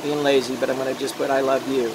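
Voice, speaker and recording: A man's voice: medium pitch, fast. A man giving an informal hands-on demonstration, rambling as he talks himself through steps, with slightly mushy, toothless articulation. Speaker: glassworking instructor. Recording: loud steady torch or engine-like noise.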